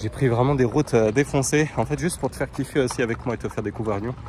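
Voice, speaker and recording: With a darkish, medium-pitched voice and a fast delivery, a chatty vlogger who coaches and advises on nutrition comments casually while riding a kick scooter around city parks and streets. He addresses viewers directly, using fillers and asides, and sounds strained from the effort amid noisy outdoor street sound.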